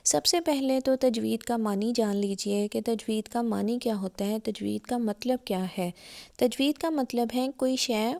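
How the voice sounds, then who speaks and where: A woman's voice: fairly high pitch, a little slow, gravelly, a little mellow. A woman with a Pakistani Urdu accent teaching Quran recitation, patiently repeating and spelling out letters one by one. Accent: Urdu-speaking Pakistani. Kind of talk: explanatory religious lesson.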